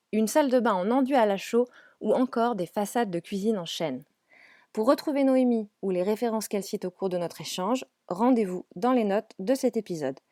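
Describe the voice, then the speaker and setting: A woman who hosts a home renovation podcast and works as an interior architect. She gives a lively scripted introduction and then moves into relaxed interview chat. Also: on the high side, dry recording, studio quality. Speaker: podcast host.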